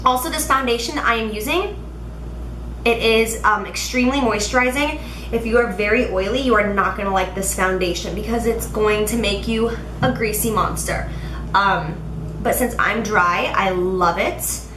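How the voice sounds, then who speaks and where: A woman's voice: medium pitch, moderate pace. A woman with a nasal, congested voice giving a casual, chatty makeup tutorial to camera, speaking directly and emphatically to viewers. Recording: roomy echo, faint background noise.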